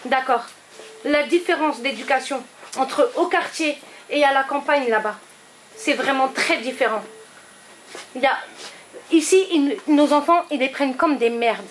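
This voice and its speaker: A woman's voice: high voice, measured pace, pauses often, slight background noise. A woman in the audience speaking out bluntly and insistently at a public meeting, repeating her points. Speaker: audience member. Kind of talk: impassioned public question.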